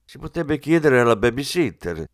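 A man's voice: medium pitch, very animated, normal speed, no room sound, pitched above the performer's own voice, close to an everyday voice. A man reading an audiobook, playing a middle-aged police commissioner who talks in a dry, ironic way. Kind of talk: audiobook character voice.

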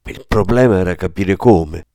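Low-voiced male audiobook narrator. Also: vocal fry, no room sound, studio quality. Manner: steady, measured storytelling. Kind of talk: audiobook reading.

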